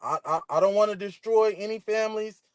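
A man's voice: high voice, smooth, dry recording. A man whose voice sits well above most men's, heard dry and close over a video call. He answers questions on a live stream defensively, circling back to the same words and stumbling through restarts. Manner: defensive, repetitive, halting restarts.

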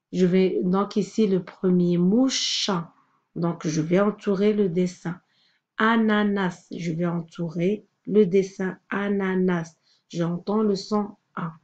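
A woman teaching a phonics lesson to young children, patiently sounding out each word slowly. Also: mid-range voice, darkish tone, muffled recording.

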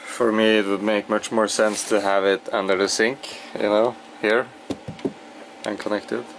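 With a lowish voice and a measured pace, a young man gives casual vlog commentary from a small sailboat's cockpit and cabin. He speaks informally, thinking aloud, into a camera held at arm's length, and the on-board audio is noisy and hums steadily.

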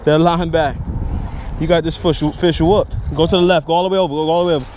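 A young man vlogging his fishing from a bridge by the sea, excitable and talkative, filmed on an action camera outdoors. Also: a little high, fast talker, a little hiss or hum. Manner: excitable, hollers and laughs, repeats himself.

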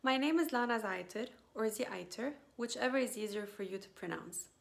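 A woman's voice: a little high, moderate pace, vocal fry. A woman, her Arabic, presenting her doctoral research in a careful, formal recited way, recorded on a phone camera at arm's length in a small indoor room. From Lebanon. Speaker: PhD student.

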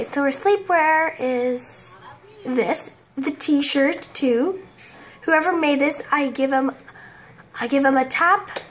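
A woman casually commenting on a life-sim game, rambling and halting, often tripping over words. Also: sits high. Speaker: game video creator.

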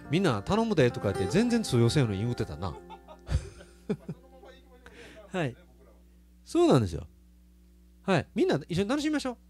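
At a small live music venue, a singer with a Kansai Japanese accent chats casually with his live stream audience between songs, laughing often. His voice is a little high and a little mellow.

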